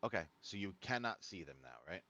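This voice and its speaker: A man's voice: sits low, very animated, a little fast, sharp tone, no room sound, muffled recording. A man acting as game master, narrating a tabletop game in a casual, conversational way.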